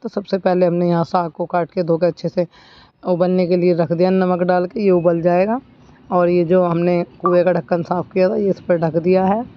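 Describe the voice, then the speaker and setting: A woman's voice: lowish voice, little pitch movement, moderate pace. A woman in her thirties, a village vlogger, chatting and rambling to viewers as she does chores outdoors at home. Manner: chatty, rambling, talks to viewers while working. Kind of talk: casual running commentary while doing chores. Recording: slightly dull recording.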